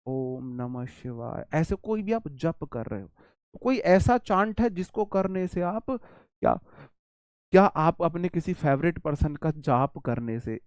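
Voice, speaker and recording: A man with an Indian accent teaching a vocabulary lesson for exam students, animated and repetitive, with chatty asides. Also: on the high side, measured pace, clean tone, dry recording, studio quality.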